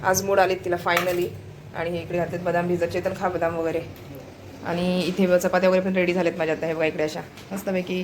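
Speaking fast in a fairly low, flat, darkish voice, this Maharashtrian woman narrates a casual home vlog as she shows viewers around. She chats steadily and keeps pointing things out, over background music and a faint hiss or hum.

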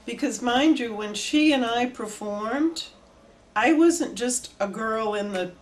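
Seated indoors before a row of flags, an elderly woman gives an oral history interview, recounting her memories with animation and hand gestures. She speaks slowly at a fairly high pitch, and the audio carries a slight hiss or hum.

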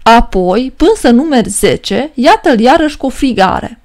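A woman narrating a rhymed folk tale for a filmstrip, reading with a steady verse rhythm. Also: a little high.

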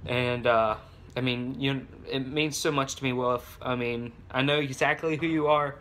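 A young man talks to his phone camera at home in a loose, rambling vlog, restarting his sentences and leaning on fillers. His voice sits at an ordinary middle pitch. A faint hum of noise runs under the recording. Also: fairly even intonation, moderate pace, a bit bright. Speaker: vlogger. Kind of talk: casual vlog. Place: home with babies heard nearby.

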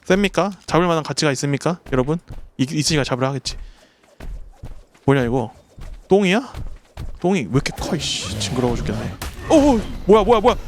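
A man with a mid-range voice streams a survival game, chatting briskly to his creatures and his viewers with frequent pauses over soft background music. He's excitable, yelping and swearing whenever something startles him during this live gameplay commentary.

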